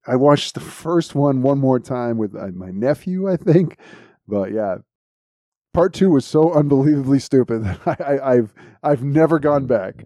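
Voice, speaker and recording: A man's voice: mid-range voice, animated, a little slow, warm tone, dry recording, clean studio sound. A man hosting a podcast in casual chat, with a blunt way of talking. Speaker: podcast host.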